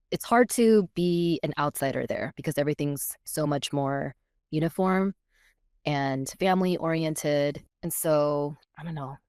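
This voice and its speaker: A woman in her thirties, Korean-born with Korean as her first language and raised in California, appears as a podcast guest in a casual chat, speaking reflectively and searching for words. Her voice is low-pitched and darkish, clear and resonant. The recording is dry, with clean studio sound.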